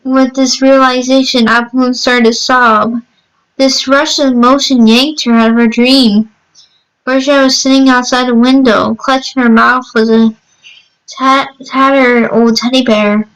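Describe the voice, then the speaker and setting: Woman, horror story narration, higher-pitched, smooth clear tone, halting delivery with repeated words. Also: fairly even intonation, fairly bright tone, rough recording.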